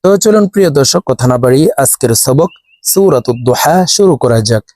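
A man's voice: medium pitch, lively intonation, fairly quick, darkish tone, dry recording, clean studio sound. Man teaching Quran recitation, spelling letters. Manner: addresses viewers as dear viewers, spells letters and vowel marks aloud. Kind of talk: spelling-out tajweed lesson with slow chanted recitation.

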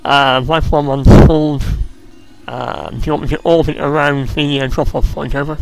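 A man's voice: on the high side, fairly even intonation, moderate pace, vocal fry, faint music behind, rough recording. A man playing a helicopter pilot in a military game, making brief, businesslike radio calls. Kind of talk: military radio procedure chatter.

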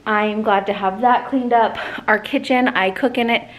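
A woman in her thirties talks to a camera she holds at arm's length as she walks through her kitchen and living room. She chats in a relaxed, rambling way, dropping in the odd filler. Her voice sits a little high. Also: moderate pace. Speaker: home cleaning vlogger. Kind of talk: casual chat to camera. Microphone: camera held at arm's length.

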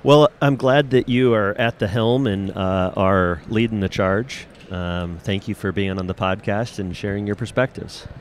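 Low-voiced man hosting a podcast. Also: moderate pace, hardly any pauses. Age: middle-aged. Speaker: podcast host. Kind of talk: casual interview hosting. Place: curtained booth at a convention. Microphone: handheld microphone held close, with headphones. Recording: clear background noise of convention hall.

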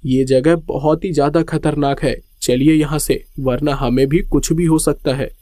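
A man's voice: fairly high pitch, fairly even intonation, moderate pace, dark tone, dry recording, clean studio sound, close to an everyday voice. A man voicing an anxious male traveler who urges and stammers nervously. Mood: urgent nervous.

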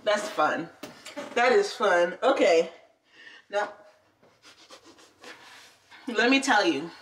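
A woman's voice: medium pitch, animated, very slow, far from the mic, slight background noise. A young adult woman chatting casually to her viewers as a beauty vlogger, playful and rambling, laughing often. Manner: talks with her eyes closed. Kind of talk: casual chat to camera.

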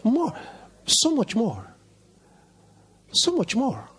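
A pastor in his fifties preaching to a congregation, emphatic and repetitive, swinging from shouts to low, quiet lines. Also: wildly swooping pitch, drawn-out words. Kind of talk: sermon.

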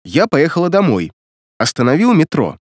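Male reader doing a skeptical grounded woman, raised pitch, firm, audiobook. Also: moderate pace, no echo, studio quality. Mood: dismissive. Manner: firm, dismissive, calm. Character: sensible wary woman, dismissive. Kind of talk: audiobook character reading.

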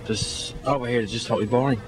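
A man's voice: medium pitch, steady tone, quick pace, over music. A young man in his twenties from Ireland with an Irish accent, talking bluntly and dismissively into a handheld mic in a mall. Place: indoor shopping mall. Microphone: handheld mic held by interviewer.

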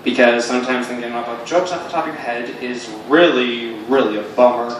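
A man's voice: mid-range voice, fairly even intonation, a little fast. A young man doing casual stage comedy as a ventriloquist playing straight man, talking hesitantly. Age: young adult. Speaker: amateur ventriloquist. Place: small indoor comedy stage, filmed from the audience. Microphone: stage mic picked up by far camera. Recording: echoey noisy venue, distant camera mic.

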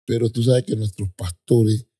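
A man's voice: fairly even intonation, warm tone, slightly rough. A man, an apostle, telling his personal faith testimony in an emphatic way, repeating words for stress. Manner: emphatic, acts out quoted people with sudden high, drawn-out voices.

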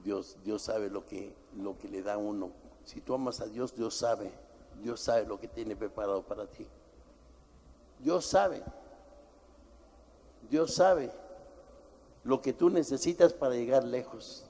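A middle-aged man preaching a sermon as pastor, forceful and emphatic, swinging from shouts to low asides. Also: takes it slowly, long pauses, slight background noise. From Mexico. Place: church. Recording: church hall with long reverb.

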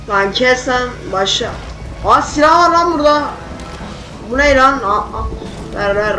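A man narrates his gameplay in a high, excitable voice, breaking into yelps and slangy curses as things happen on screen. He talks in an unhurried, drawn-out way between the outbursts. Faint game music plays behind him. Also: poor audio. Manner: excitable, yelping exclamations and slangy swearing. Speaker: gaming channel host. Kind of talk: gameplay commentary.

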